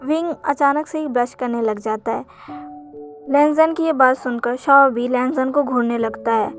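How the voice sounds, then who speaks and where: A woman retelling a fanfic story in steady, plain narration. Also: high-pitched, normal speed, faint music behind.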